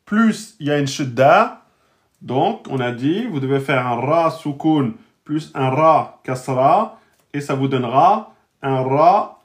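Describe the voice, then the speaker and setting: Male teacher, fairly high voice, slow patient syllable drills. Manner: sounds out words very slowly, raising his pitch; speaks straight to his students. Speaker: Arabic and Quran reading teacher. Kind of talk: recorded lesson.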